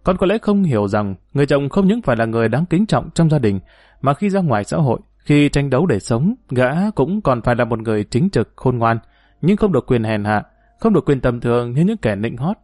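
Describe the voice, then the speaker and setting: A man voicing a stern middle-aged father who lectures his daughter firmly, in his own mellow voice. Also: medium pitch, big pitch swings, fairly quick, no echo, clean studio sound. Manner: lecturing, firm.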